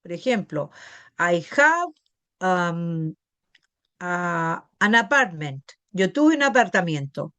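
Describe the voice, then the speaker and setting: A woman's voice: on the low side, animated, slow, a bit bright, no room sound. A middle-aged woman teacher with a Chilean Spanish accent, patiently explaining grammar to a class and often checking that students follow. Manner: patient, checks understanding with tag questions. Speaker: English teacher.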